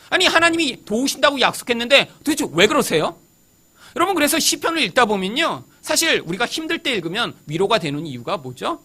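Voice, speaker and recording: A high, bright-voiced man preaching a sermon as a pastor. He keeps asking the congregation questions and acts out the words of prayers, his pitch swinging widely.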